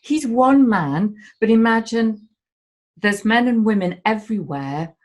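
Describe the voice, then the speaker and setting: A woman's voice: on the high side, expressive, measured pace, darkish tone. A woman speaking as a guest in a candid conversation, heartfelt and emotional, swearing casually as she talks.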